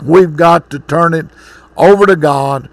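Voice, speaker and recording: A man's voice: on the high side, unhurried, vocal fry, no room sound. A man preaching a sermon, reading scripture and then exhorting in a folksy way.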